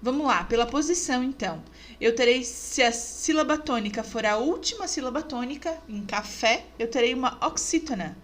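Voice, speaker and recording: Higher-voiced woman teacher narrating slides. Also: animated. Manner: clear, measured, stresses example words. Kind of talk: narrated review over slides.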